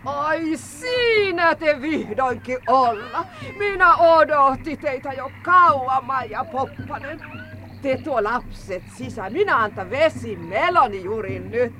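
A woman's voice: sits high, expressive, long pauses, noisy background. An actress in a 1960s radio play voicing an effusive woman hostess in the hot south, speaking broken Finnish and gushing with welcome.

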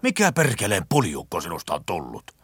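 A gruff, scolding factory boss. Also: male voice, deep voice, huge pitch swings, fairly bright tone, dry recording, clean studio sound, full character voice. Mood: contemptuous. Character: stern middle-aged factory director, irritable. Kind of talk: old radio drama acting.

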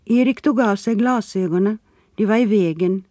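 A narrator reading a novel aloud in a steady, even storytelling manner. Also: mid-range voice, no room sound, studio quality. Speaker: audiobook narrator. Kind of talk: scripted narration.

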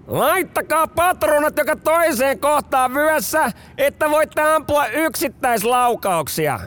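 A man voicing a gruff army first lieutenant who barks drawn-out commands at the firing range. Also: high voice, wildly swooping pitch, a bit bright, voice pushed up, exaggerated voice. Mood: barking.

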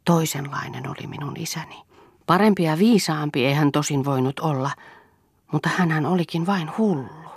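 A woman reading the part of a brooding, self-mocking older man in a low, quiet, reflective voice. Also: breathy edge, no room sound, studio quality.

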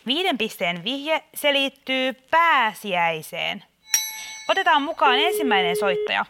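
A woman's voice: high voice, very animated, very noisy. A woman playing an exasperated radio quiz host who keeps catching her mother on the line. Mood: chirpy. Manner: bright presenter patter, scolding. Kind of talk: radio comedy sketch.

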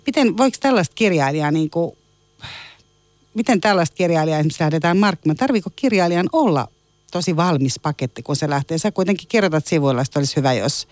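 A woman's voice: low-pitched, animated, darkish tone, dry recording. A woman radio journalist asking long, casual, rambling questions full of fillers.

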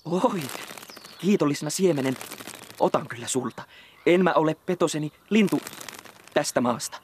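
A man's voice: fairly high pitch, lively intonation, slight background noise, natural voice. A man voicing a small, humble male sparrow who sings his lines. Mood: sweet. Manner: sing-song, humble. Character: tiny meek male sparrow, singing sweetly.

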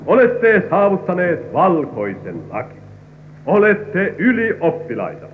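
Brief: lively-voiced, ceremonious headmaster on a hissy, phone-thin old radio play. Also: male voice, high-pitched. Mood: solemn. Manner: ceremonious, declaiming. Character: solemn older male school headmaster. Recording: tinny old radio recording with hiss.

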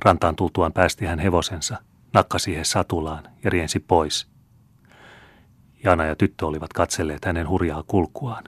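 Man, audiobook narrator, calm measured reading, very deep voice, dry close recording. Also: no echo. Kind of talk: reading a classic novel aloud. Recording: dry close studio sound.

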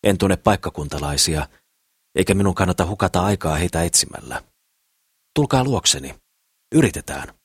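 A man voicing a cheerful, eager young businessman in an audiobook, speaking in an excited, pleading way. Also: deep voice, pauses often, slightly rough, no echo, clean studio sound. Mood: enthusiastic.

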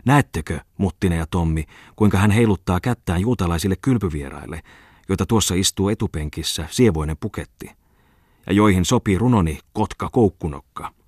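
A man voicing an excitable, talkative man who eagerly comments on a festival show in an audiobook. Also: low voice, husky, dry recording, clean studio sound.

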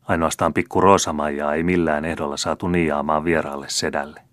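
A man narrates a classic novel in a steady, measured reading. His voice is very deep. The recording is dry and close, with no room echo. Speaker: audiobook reader. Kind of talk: scripted narration.

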